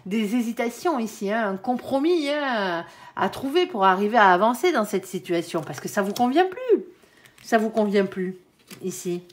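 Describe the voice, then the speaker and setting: A woman's voice: medium pitch, very animated, moderate pace. A woman giving a tarot reading to viewers, chatty and reassuring, with frequent "hein" tags and the odd stumble over her words. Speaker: tarot card reader.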